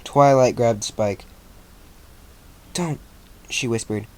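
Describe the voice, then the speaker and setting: Man, mid-pitched, slow amateur story reader who trips over words and restarts; relaxed, casual. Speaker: fan fiction reader.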